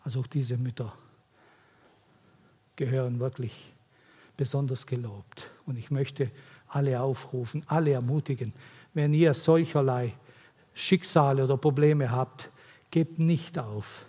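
A man's voice: mid-range voice, steady tone, a little slow, long pauses, mellow, husky. A man preaching an earnest, pleading sermon to mothers in a church, his delivery swelling and dropping. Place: church hall. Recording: long hall reverb.

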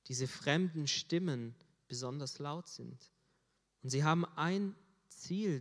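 A man preaching a sermon in an earnest way, rising in force on key phrases. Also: medium pitch. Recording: long hall reverb.

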